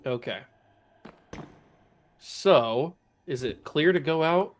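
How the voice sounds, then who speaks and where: A man giving casual commentary while playing a game, thinking aloud, talking to enemies, his voice a little rough and strained. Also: on the high side, animated, takes it slowly, a little hiss or hum. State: voice going, clearing throat. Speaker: let's play gamer.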